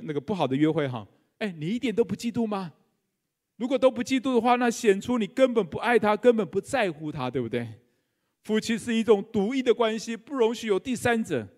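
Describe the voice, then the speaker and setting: High-voiced Taiwanese pastor preaching. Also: male voice. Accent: Taiwanese Mandarin. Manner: humorous, conversational, quizzes the congregation. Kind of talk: live sermon. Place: church sanctuary.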